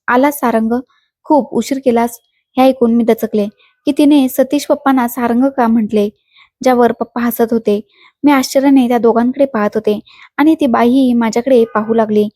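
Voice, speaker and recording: A woman's voice: a little high, dark tone, dry recording, studio quality. Woman narrating a dramatic story. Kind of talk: scripted first-person story narration.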